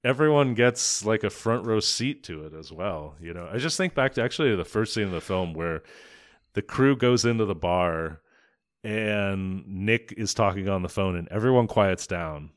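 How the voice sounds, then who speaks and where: A man co-hosting a podcast in a casual film discussion, animated, cursing and acting out scenes as he recaps. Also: fairly low pitch, moderate pace. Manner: animated, swearing, acts out scenes. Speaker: podcast co-host.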